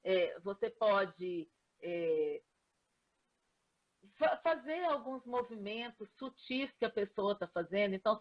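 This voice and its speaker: A woman, a coach explaining ideas in a live online chat, often pausing on filler sounds. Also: medium pitch, muffled recording. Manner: explanatory, with frequent hesitation fillers. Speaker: professional coach, guest. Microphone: video call.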